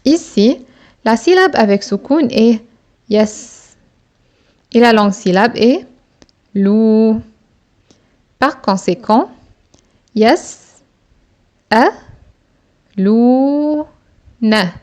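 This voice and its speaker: A woman teaching a reading lesson, sounding out each syllable slowly and deliberately before explaining the rule. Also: fairly high pitch, animated, a little mellow.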